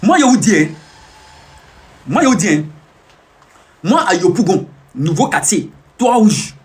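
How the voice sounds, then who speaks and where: A man's voice: high-pitched, sing-song, unhurried. A young man, boastful and teasing, who repeats his phrases over and over in a casual live stream.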